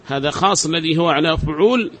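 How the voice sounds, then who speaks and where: A man teaching Arabic grammar lectures his class, explaining step by step, repeating examples and quizzing his students. His voice is fairly high-pitched, fast and a bit bright.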